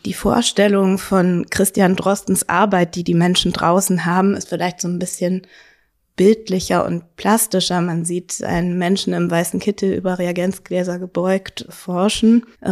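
A woman with a fairly low voice interviews a guest for a podcast. She asks long questions in a measured way. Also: flat delivery, darkish tone.

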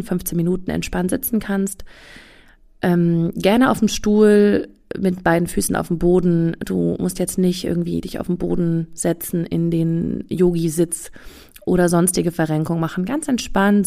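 A woman's voice: lowish voice, vocal fry, mellow. A woman talking casually to her listeners as a meditation teacher, informal and self-deprecating. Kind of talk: casual introductory talk to listeners.

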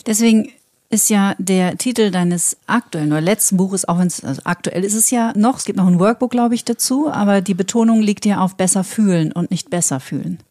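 A woman's voice: mid-range voice, brisk, dark tone, dry recording, studio quality. A middle-aged woman hosting a casual interview, asking questions in a friendly, conversational way. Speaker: podcast host.

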